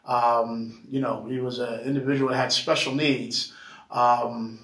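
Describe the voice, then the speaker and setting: A man talking earnestly in a casual discussion, halting with many fillers as he recalls an experience. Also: medium pitch, little pitch movement, fairly bright tone. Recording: roomy echo, mic at a distance.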